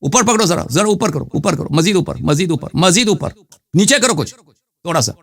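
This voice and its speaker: A man's voice: on the high side, big pitch swings, vocal fry, slightly rough. A man hosting a live debate, insistently repeating his demands and accusing the other side of lying. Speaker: host of a live debate show.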